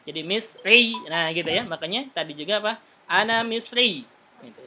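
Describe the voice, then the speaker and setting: A man teaching an Arabic class, patiently explaining and repeating words slowly for his students. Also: high voice, animated, bright, forceful tone, slight background noise.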